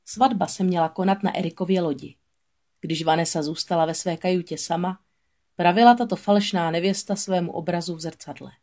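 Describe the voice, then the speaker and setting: A woman narrating a children's storybook aloud in a steady, expressive voice. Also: lowish voice.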